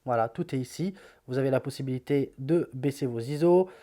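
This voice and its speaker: A man's voice: mid-range voice, fairly quick, mellow. A tech YouTuber walking through the apps on his phone in a chatty, blunt, slangy way, often repeating words. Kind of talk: casual phone app walkthrough.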